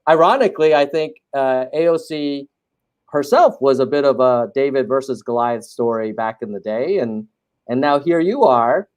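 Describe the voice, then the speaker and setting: A man hosting a casual interview show, enthusiastic and halting, with lots of fillers and restarts. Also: medium pitch, lively intonation, a little mellow, clear, resonant tone. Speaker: show host.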